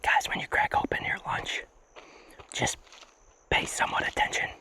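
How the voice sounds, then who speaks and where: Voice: normal speed, bright, forceful tone. A hiker whispering casually to viewers in an ASMR vlog, chewing food while talking on a mountain trail. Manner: casual, chatty, addresses viewers as guys. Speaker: ASMR hiking vlogger. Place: outdoors on a mountain hiking trail. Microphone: action camera.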